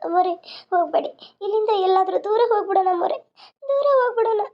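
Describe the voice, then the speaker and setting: A woman's voice: extremely high pitch, rapid-fire. A woman voicing a devoted housemaid who earnestly pleads with her employer. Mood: pleading. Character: devoted female maid, loyal and motherly. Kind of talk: cartoon voice acting. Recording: dull lo-fi sound.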